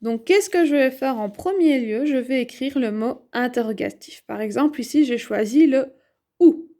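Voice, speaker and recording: Woman, bright high voice, patient classroom explainer, repeats key points, talks through each step. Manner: slow, clear, repetitive explanation with questions to herself. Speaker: French teacher. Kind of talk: grammar lesson at a whiteboard.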